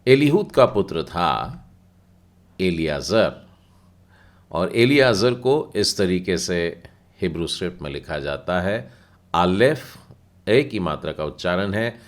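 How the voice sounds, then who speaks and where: A man's voice: low-pitched, big pitch swings, takes it slowly, long pauses. A man teaching a Bible language class, patiently spelling out letters and their sounds step by step. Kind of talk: slow explanatory lesson.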